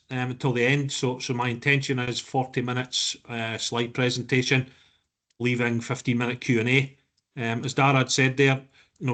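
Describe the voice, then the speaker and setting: A man's voice: medium pitch, fairly bright tone. A man with a broad, thick Scottish accent giving an informal webinar presentation, talking conversationally and repeating words as he goes. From Scotland. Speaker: guest presenter. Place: online video call.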